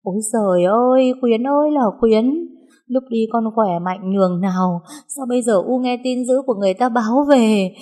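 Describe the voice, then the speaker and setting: A woman voicing a grief-stricken older village mother who wails a loud lament for her son. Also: a little high, moderate pace, voice pushed up, lightly acted. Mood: wailing.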